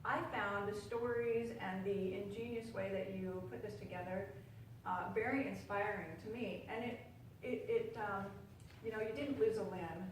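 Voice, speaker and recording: A woman hosts an interview in a studio with an audience, asking long, rambling questions full of fillers. The distant mic catches heavy echo. Clear noise sits under her voice. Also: medium pitch, steady tone, normal speed. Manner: warm, rambling, many fillers. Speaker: show host. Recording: very echoey, distant mic, noisy.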